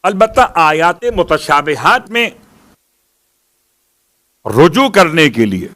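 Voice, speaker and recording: Male preacher, higher register, rhetorical sermon delivery with emphatic recitation. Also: very animated, pushed and bright. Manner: rhetorical, poses questions and answers them; recites Arabic verses with rising emphasis. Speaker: Shia preacher. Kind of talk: religious sermon.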